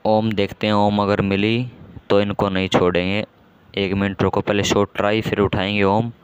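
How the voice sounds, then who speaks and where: A man hosting a gaming channel, giving casual commentary on a match with excitable, self-mocking banter and lots of repeated exclamations. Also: on the low side, normal speed, clean tone. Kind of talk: casual live game commentary.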